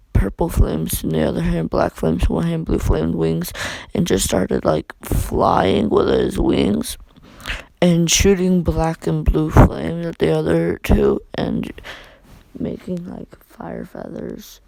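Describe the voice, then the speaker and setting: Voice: medium pitch, gravelly, warm tone, no echo. A fan storyteller improvising a story in a rambling, casual way with many asides. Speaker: fan fiction narrator.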